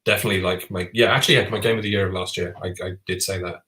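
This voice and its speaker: A man's voice: low voice, steady tone, rapid-fire, sharp tone. A man co-hosting a podcast, chatting enthusiastically about board games with lots of restarts. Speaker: podcast co-host. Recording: roomy echo.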